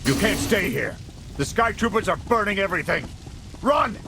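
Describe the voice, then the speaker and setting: In a video game cutscene, an actor voices a jaded male squad commander, delivering terse, clipped soldier phrases. His voice sits high and sounds expressive at a normal speed, with noise in the background.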